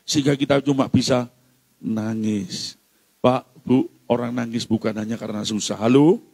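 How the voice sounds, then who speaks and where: A man preaching a sermon, swinging between hushed tones and shouts and breaking into sung phrases. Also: medium pitch, fairly even intonation, normal speed, gravelly, breathy edge, no room sound. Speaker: pastor.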